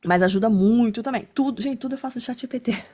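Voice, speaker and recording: A woman's voice: on the high side, fast, a little mellow. Chatty woman teaching a class. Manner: chatty, many fillers like né and tá. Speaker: instructor. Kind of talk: casual online class talk.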